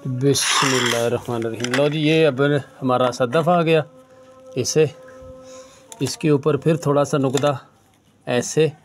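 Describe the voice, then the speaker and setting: Speaking slowly with long pauses, a man with a fairly high, steady voice demonstrates an herbal remedy by hand while music runs in the background. An herbal practitioner with a Punjabi-tinged Urdu accent, he keeps things casual, addresses viewers as brother, and repeats "lo ji" and "bhaijaan."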